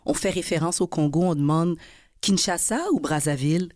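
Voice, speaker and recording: A woman's voice: sits low, moderate pace, no echo, studio quality. A woman hosting a podcast interview, chatty and friendly, with restarts as she talks. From not born in Quebec. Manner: warm, chatty, with laughs and restarts. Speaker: podcast host. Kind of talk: conversational interview.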